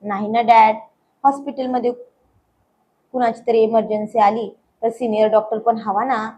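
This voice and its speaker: A woman's voice: on the high side, fairly even intonation, normal speed, dark tone, slight background noise, lightly acted, rough recording. An earnest young male doctor, read by a woman.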